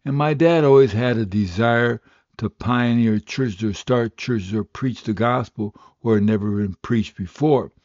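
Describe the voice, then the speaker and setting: An older man preaching a radio sermon and telling his own testimony, in an earnest, steady storytelling manner. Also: mid-range voice, unhurried, no room sound. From West Africa. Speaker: radio pastor. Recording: slightly dull, dry radio recording.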